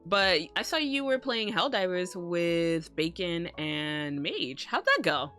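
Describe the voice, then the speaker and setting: Female streamer, bubbly and cute yet on the lower side in pitch, loose sweary chat, music underneath. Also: sing-song, slow pace, sharp tone. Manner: casually sweary. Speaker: streamer hosting a live stream. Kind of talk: casual live-stream chat to viewers.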